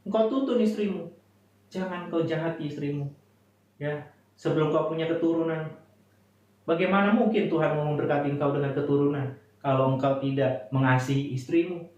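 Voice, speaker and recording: A man's voice: fairly high pitch, a little fast, highs cut off. Fervent preacher man in a very echoey room. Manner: fervent, exhorting, calls out hallelujah; hushed, quiet when praying. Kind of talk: devotional sermon and prayer.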